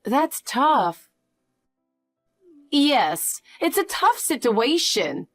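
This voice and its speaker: A young woman voicing a cold, firm daughter who speaks in a flat, curt way. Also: high-pitched, drawn-out words, no room sound, soft background music, voice pushed up, heavily acted. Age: young adult. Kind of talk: animated story voice.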